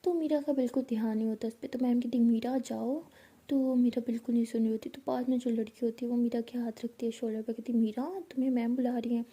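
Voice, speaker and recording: Softly husky woman telling a story. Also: a little high, fairly even intonation, quick pace. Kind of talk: casual spoken storytelling.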